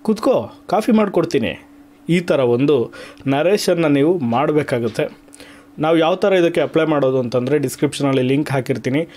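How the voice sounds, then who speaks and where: A YouTube channel host explains things to his viewers in a vlog, slipping in English terms and listing points emphatically. His voice is a little high with a darkish tone, and he speaks at a moderate pace.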